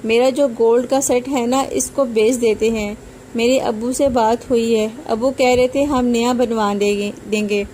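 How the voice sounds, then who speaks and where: A demanding young wife, quick to quarrel and to cry, voiced by a woman narrator. The voice is mellow and a little high, with faint noise in the background. It is read plainly in a storybook way. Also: fairly even intonation, natural voice. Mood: coaxing.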